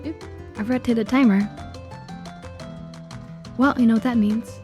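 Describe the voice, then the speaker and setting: A woman's voice: fairly high pitch, fairly even intonation, moderate pace, a little mellow, soft background music. A woman game streamer chatting casually while she plays.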